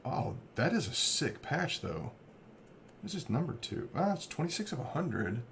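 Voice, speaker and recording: A man's voice: medium pitch, sing-song, normal speed, creaky, a bit bright. A man hosting a card break, casually rambling as he reads off player names. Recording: faint background noise.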